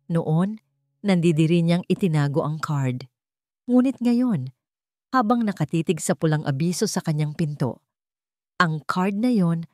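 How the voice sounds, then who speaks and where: A woman with a Filipino accent narrates a scripted dramatic story in a fairly low, darkish voice. The studio recording is clean, with no room sound.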